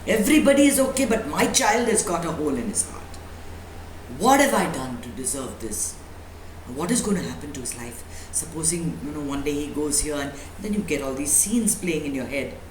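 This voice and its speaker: At a live talk in an echoey indoor room with faint background noise, a woman presents herself as a spiritual teacher. Her deep voice moves with lively intonation, a touch fast, as she drives home her motivational message through rhetorical questions and repeated lines.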